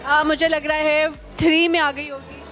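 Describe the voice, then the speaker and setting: Her voice sits high and a bit bright, level in tone and unhurried, as this young woman hosts a street interview outdoors amid crowds and music. She teases her guest playfully, mocking and laughing often.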